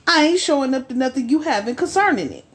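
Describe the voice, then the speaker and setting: Woman, podcast co-host, fairly high voice, emphatic, preaching cadence, slow stressed phrases. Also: expressive. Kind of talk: casual podcast discussion.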